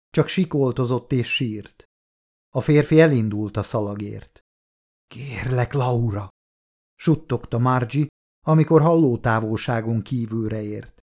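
Man reading a horror audiobook, measured. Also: mid-range voice. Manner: measured, steady reading of a dark horror text. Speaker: audiobook narrator. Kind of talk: scripted audiobook narration.

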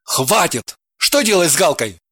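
A woman's voice: medium pitch, expressive, moderate pace, a bit bright, no room sound, studio quality, lightly acted. A woman voicing an easygoing man who teases and jokes casually in a storybook reading. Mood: urging. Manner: teasing, casual. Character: easygoing joking man, friend.

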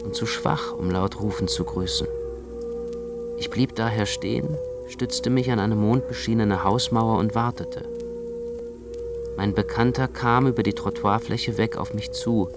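An actor playing an anxious, introspective young man who narrates his own night walk in a literary radio play, speaking in a measured, intense way. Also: lowish voice, over loud music. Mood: brooding. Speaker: first-person narrator.

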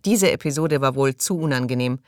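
A man voicing a calm, dry crew leader. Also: medium pitch, fairly quick, dry recording, close to an everyday voice. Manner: gentle, even, dryly mocking.

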